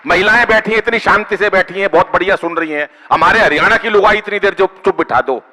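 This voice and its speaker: A man's voice: sits high, fast, sharp tone, big-room sound. A man doing comic poetry at a stage poetry gathering, teasing the audience and asking them for applause. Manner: bantering with the audience, asks for applause. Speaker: stand-up poet. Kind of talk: kavi sammelan comic poetry.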